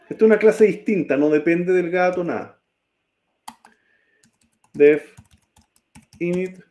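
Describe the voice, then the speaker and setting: A man's voice: high voice, slow pace, a little mellow, muffled recording. A man teaching a programming class, typing code as he talks and often checking that students follow. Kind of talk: live-coding class.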